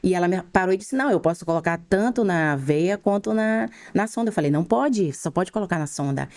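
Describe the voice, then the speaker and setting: A middle-aged Brazilian woman telling her faith testimony as a podcast guest, in fervent, rushed storytelling. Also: on the low side, lively intonation, darkish tone. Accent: Brazilian Portuguese.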